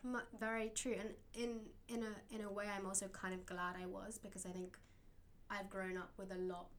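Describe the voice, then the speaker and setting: A woman's voice: medium pitch, flat delivery, normal speed, a little hiss or hum. A young woman in casual conversation as a guest, reflective and full of "like" and "um". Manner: reflective, many fillers like "like" and "um".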